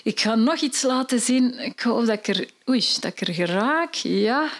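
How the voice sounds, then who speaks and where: A middle-aged woman with a Flemish accent, an author telling stories in a lively, chatty way with fillers. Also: on the high side, normal speed. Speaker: author and storyteller. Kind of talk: live storytelling talk.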